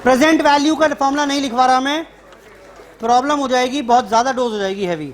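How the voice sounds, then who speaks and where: High-voiced joking math teacher. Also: male voice, quick pace, a little hiss or hum. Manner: casual, joking teacher who calls students beta. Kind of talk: classroom math lecture. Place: classroom.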